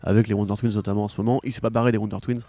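A man's voice: lowish voice, little pitch movement, rapid-fire, dark tone, no room sound. A man from France, co-hosting a podcast in casual chat, blunt and swearing freely. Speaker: podcast co-host.

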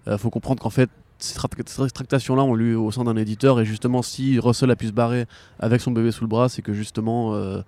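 A man's voice: mid-range voice, flat delivery, fast, few pauses, warm tone, no room sound. A man from France, co-hosting a podcast in casual chat, blunt and swearing freely. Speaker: podcast co-host.

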